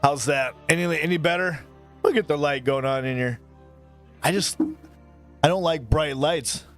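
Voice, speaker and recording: Chatting casually on a live stream, a man in his mid-thirties rambles from topic to topic and thanks viewers by name. His voice sits fairly high and a bit bright, moving at a moderate pace with faint music in the background.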